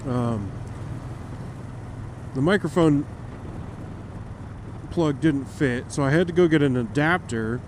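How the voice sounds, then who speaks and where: Male motovlogger, casual rambling talk with swearing, voice captured inside a helmet, clear vehicle noise behind. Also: fairly high pitch, slow, long pauses. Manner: speaking from inside a motorcycle helmet. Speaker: motorcycle vlogger. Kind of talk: casual chat while riding. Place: inside a helmet, riding outdoors. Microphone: microphone taped to helmet. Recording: wind and engine noise, helmet mic.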